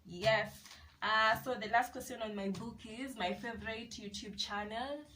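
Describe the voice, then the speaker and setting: A woman's voice: a little high, measured pace, pushed and bright, distant mic, slight background noise, low-quality recording. A woman in her twenties from Kenya with a Kenyan accent, chatting casually to camera as a vlogger and repeating herself with lots of yeses. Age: 20s.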